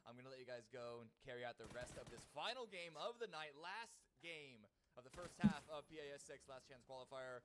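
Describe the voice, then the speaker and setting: A man's voice: medium pitch, expressive, a little fast, few pauses, background noise. A man hosting an esports broadcast in a conversational style.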